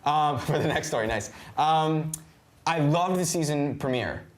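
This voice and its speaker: A man with a slightly high-pitched voice co-hosts a casual review chat. He talks bluntly and emphatically, punching his likes and dislikes hard. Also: measured pace. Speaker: show co-host.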